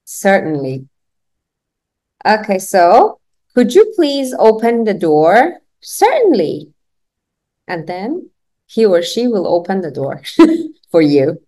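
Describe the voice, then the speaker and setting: A woman teaching an online English lesson, drilling phrases for repetition, slowing down to model them clearly and laughing often. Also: mid-range voice, sing-song, mellow.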